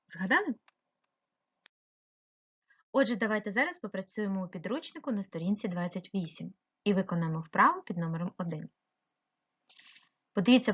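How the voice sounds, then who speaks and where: A woman's voice: medium pitch, fairly bright tone, slightly rough, dull audio. A woman teaching a primary school class remotely, explaining step by step and asking patient questions. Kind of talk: remote lesson narration.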